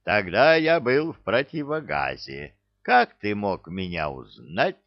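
A man voicing a huge, muscular young man who poses as a pompous preacher, speaking in a slow, solemn, sermon-like way. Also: on the low side, sing-song, dry recording, dull audio, full character voice. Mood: booming denial.

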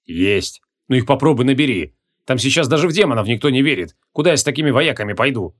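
A male audiobook reader voicing a stern, grumbling male archmage who lectures in a gruff way. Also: mid-range voice, animated, fast talker, close to an everyday voice.

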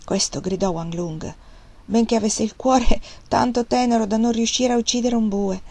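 A woman reading a novel aloud in an expressive, dramatic audiobook style. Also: a little high, normal speed. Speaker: audiobook reader.

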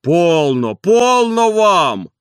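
A man voicing a yard-keeper in an audiobook who pleads to calm a quarrel. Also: sits high, measured pace, dry recording, studio quality, pitched above the performer's own voice, exaggerated voice. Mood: pleading. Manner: soothing, pleading. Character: placating male yard-keeper, trying to calm a fight.

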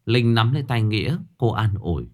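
Expressive low-voiced male narrator. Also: moderate pace. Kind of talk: scripted horror story narration.

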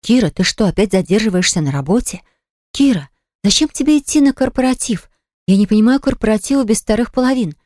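A woman's voice: a little high, lively intonation, quick pace, a little mellow, dry recording, clean studio sound, pitched above the performer's own voice, close to an everyday voice. A woman voicing a hurt young woman who answers her ex-fiancé in a cutting, reproachful way, in an audiobook. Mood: accusing. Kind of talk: audiobook dialogue reading.

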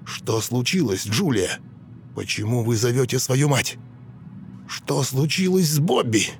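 Мужчина читает спокойного доктора-гипнотизёра. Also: male voice, medium pitch, animated, slight background noise. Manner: patient, measured questioning. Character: calm middle-aged male doctor questioning a patient. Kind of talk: audiobook reading.

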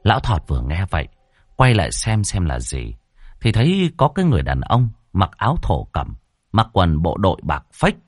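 A man narrating a comic ghost story in an expressive way. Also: low voice, moderate pace, no echo, studio quality.

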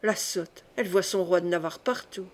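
A woman reading the lines of a cold, imperious aging queen mother, calm and dismissive. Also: mid-range voice, moderate pace, lightly acted. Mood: commanding.

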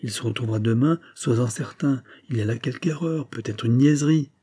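A man reading aloud and voicing a worried wife who gently soothes her sick husband. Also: mid-range voice, fairly quick, breathy edge, close to an everyday voice. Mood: soothing. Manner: soothing, pleading.

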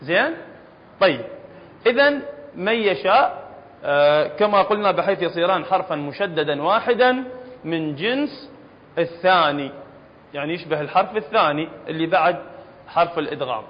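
A man with an Iraqi Arabic accent teaching Quran recitation rules to a class, quizzing students and patiently repeating each point. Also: sits high. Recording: reverberant hall, dull lo-fi sound.

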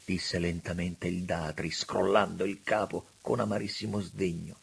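A man narrating a literary audiobook in an expressive, theatrical reading. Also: sits low, unhurried, gravelly, breathy edge.

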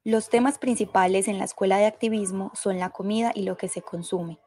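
A woman reading scripted documentary narration in a measured, formal way. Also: mid-range voice, fairly even intonation, warm tone, soft background music.

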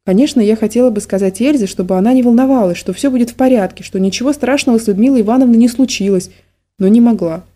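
A woman narrating an audiobook in the first person with measured, even storytelling. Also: fairly high pitch.

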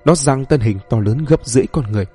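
A man narrating a horror story in a steady storytelling voice. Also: medium pitch, fast talker, slightly rough, soft background music.

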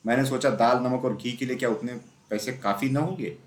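Guy reading a kids story out loud, steady pace, roomy echo behind his voice. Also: medium pitch, fairly quick. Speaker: narrator. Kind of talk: reading a classic children's story aloud.

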